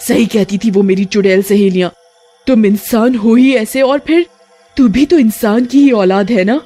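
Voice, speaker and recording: A woman's voice: mid-range voice, unhurried, warm tone, breathy edge, faint music behind. A woman voicing a menacing, man-eating snake-bodied witch in a cartoon story, gloating and threatening. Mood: scolding. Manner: gloating, threatening, with cackling laughs.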